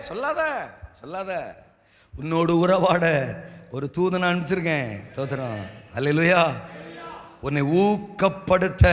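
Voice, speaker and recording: A man preaching with a very high, bright and forceful voice. He repeats each phrase, shouts rhetorical questions and presses the listeners to answer amen. His sermon rings out with the long reverb of a church hall.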